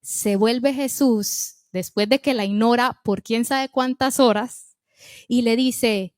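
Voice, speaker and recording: High-voiced woman preaching with fervor. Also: slow pace, darkish tone, dry recording, clean studio sound. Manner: impassioned, asks the listeners questions, acts out pleading prayers. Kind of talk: sermon to a women's meeting.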